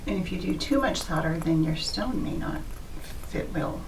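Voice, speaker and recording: Co-host woman jumping in with tips, animated and a bit gravelly, noisy room with clicks. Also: low-pitched, moderate pace. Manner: chatty, playful interjections and tips. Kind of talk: casual chat alongside a demo.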